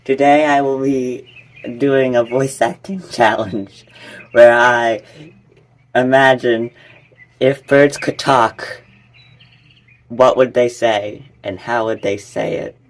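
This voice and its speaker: A man's voice: mid-range voice, fairly even intonation, slow pace, pauses often, poor audio. A man hosting a comedy voice acting video in a playful, casual way.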